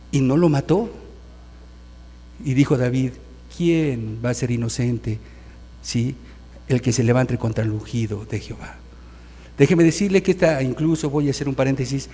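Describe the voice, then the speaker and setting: A man's voice: medium pitch, dark tone, a little hiss or hum. A man pastor preaching a sermon, calling the congregation brothers and often checking that they follow him. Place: church hall. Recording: long church reverb.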